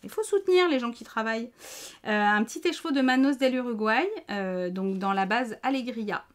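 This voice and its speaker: A woman's voice: fairly high pitch, normal speed. A woman with a French accent chatting casually to camera about knitting, rambling and self-mocking with many fillers. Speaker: knitting vlogger.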